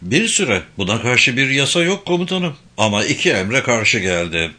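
A man's voice: medium pitch, very animated, moderate pace, sharp tone. A man reading a young male officer giving short, guarded answers under questioning in an audiobook.

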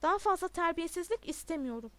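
A woman's voice: high-pitched, animated, a little fast, no echo. A woman voicing a stern, impatient male headmaster who gives commands in a raised voice.

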